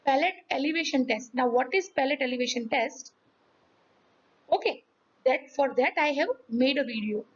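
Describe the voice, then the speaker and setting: A woman teaching a medical lesson, her voice hoarse from yelling, checking in often with "okay?" and "ready?". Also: sits high, normal speed, lo-fi sound. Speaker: physiology teacher. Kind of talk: medical lecture with demonstration.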